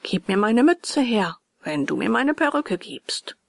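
Jittery old carpenter guy, a lady doing him, stammery and breathy, bit gravelly, dry close sound. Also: medium pitch, sing-song, a little slow, dry recording, exaggerated voice. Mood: gruff banter. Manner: stammering, muttering to himself. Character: timid old male carpenter, easily frightened.

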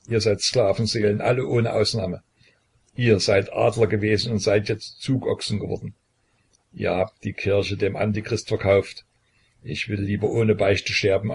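Man doing a dying prince, delirious, furious, raised husky voice, gravelly, audiobook reading. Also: on the low side. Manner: raised, shouting rage.

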